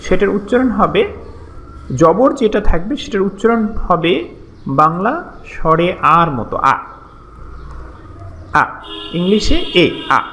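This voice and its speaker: A man's voice: high voice, a bit bright. A man teaching a lesson, explaining step by step and patiently repeating syllables for practice.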